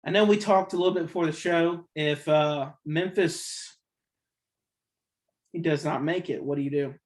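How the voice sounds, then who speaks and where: A man's voice: a little high, steady tone, measured pace. A man hosting a casual sports podcast, rambling and opinionated, correcting himself often, with the hiccups. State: has the hiccups. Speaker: podcast host.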